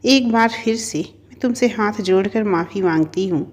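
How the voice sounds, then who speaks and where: Woman narrator plays hurt, stern mother in a storybook; weary, scolding, average pitch. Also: normal speed, lightly acted. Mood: apologetic. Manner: pleading, then scolding.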